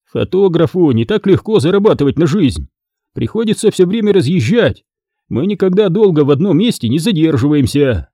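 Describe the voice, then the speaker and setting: A man's voice: a little high, big pitch swings, normal speed, mellow, breathy edge, no room sound, studio quality, voice pushed up, full character voice. A man doing a hearty, jovial uncle. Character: jovial middle-aged uncle, a hasty photographer.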